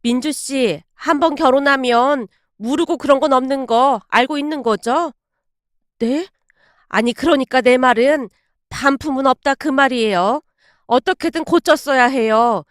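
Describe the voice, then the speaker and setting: A woman's voice: high voice, measured pace, no room sound, studio quality. A woman voicing a frank middle-aged mother-in-law who speaks matter-of-factly. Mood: blunt.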